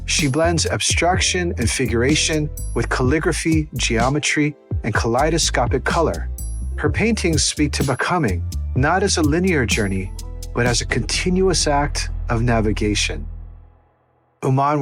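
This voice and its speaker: A podcast host with a mid-range voice delivers a scripted introduction and then poses interview questions, all in a measured, polished manner.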